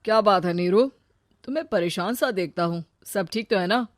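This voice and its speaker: A woman voicing a smooth-talking young male suitor in a story, brisk and insistent. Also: mid-range voice, no room sound, natural voice. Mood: concerned, insistent.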